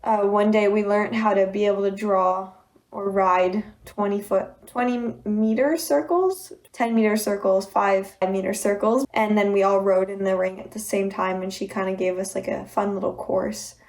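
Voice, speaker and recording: Casual woman rider with a mid-pitched voice. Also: steady tone, normal speed, darkish tone. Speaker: horse rider. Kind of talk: casual personal recap.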